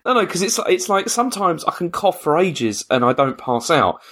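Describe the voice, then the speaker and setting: A man's voice: on the high side, big pitch swings, moderate pace, a bit bright. A man co-hosting a podcast in casual chat, often hesitating and repeating words as he starts a sentence. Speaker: podcast co-host.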